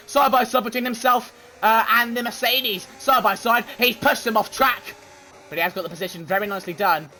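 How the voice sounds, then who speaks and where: Excitable man commentating a race. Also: very high voice. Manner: excitable, swears when shouting, chats with viewers. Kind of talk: live sim-racing commentary.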